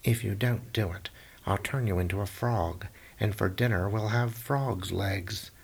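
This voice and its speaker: A wicked, vain stepmother queen in a comic fairy tale, put on by a male storyteller. She speaks low and menacing, half hissing her words. The voice is gravelly and a bit husky. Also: unhurried, heavily acted. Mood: commanding.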